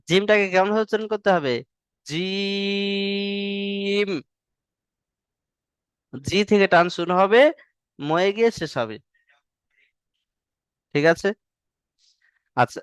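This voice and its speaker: A man's voice: high voice, lively intonation, normal speed, pauses often, a bit bright, clean tone, no echo. A male teacher, patiently drilling Arabic letters in an online class and stretching the sounds long. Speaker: Quran reading teacher.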